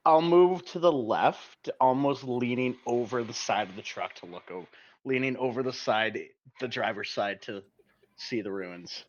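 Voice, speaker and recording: A man playing in a tabletop game, excitable and stumbling over his words. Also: medium pitch, moderate pace, muffled recording, a little hiss or hum. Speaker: player. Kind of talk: casual tabletop game chat.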